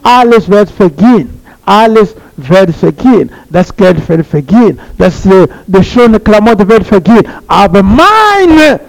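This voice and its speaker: A man delivers a sermon in an unusually high, gravelly voice. He speaks slowly and deliberately. He repeats his phrases and keeps asking the congregation questions. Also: lively intonation, a little mellow, poor audio. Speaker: preacher.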